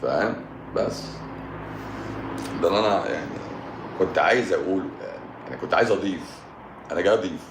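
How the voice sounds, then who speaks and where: A deep, low-pitched man speaks with an Egyptian Arabic accent in an echoey room. He chats casually with his livestream viewers, joking, chuckling and repeating his phrases. A steady noise sits under his voice. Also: quick pace, long pauses. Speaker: live-stream host answering viewer comments. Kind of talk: casual live-stream chat.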